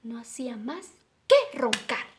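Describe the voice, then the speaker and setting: A kindergarten teacher reading a story aloud to young children, animated and affectionate, acting out animal sounds. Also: female voice, on the high side, a little slow, background noise.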